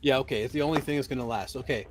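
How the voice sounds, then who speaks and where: A man's voice: medium pitch, racing, faint music behind. A man talking casually as a player in a tabletop game, emphatic and informal.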